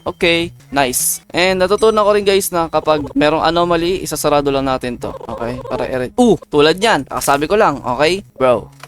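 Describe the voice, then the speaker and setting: A man's voice: on the high side, animated, normal speed, soft background music. A man from the Philippines giving playful, joking let's-play commentary, chatting with his viewers as he plays. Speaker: gaming video creator.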